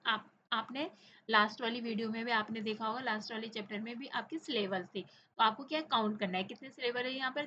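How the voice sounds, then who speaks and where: A woman teacher with an Indian accent walks children through a textbook chapter. She has a bright, fairly high voice, reads the English lines slowly, then explains them quickly, mixing English and Hindi. The recording sounds slightly dull, with faint hiss behind her.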